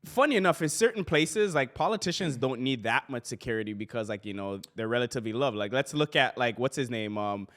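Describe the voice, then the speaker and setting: A man's voice: mid-range voice, lively intonation, fairly quick, hardly any pauses, a bit bright. A man chatting casually about politics as a co-host, slangy and rambling, often searching for his words.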